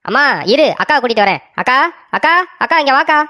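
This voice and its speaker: A woman's voice: sits high, lively intonation, pushed and bright, a little hiss or hum. A woman voicing a young boy in a cartoon story who begs, pleads and insists he never lies. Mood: pleading. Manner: pleading, fast talking.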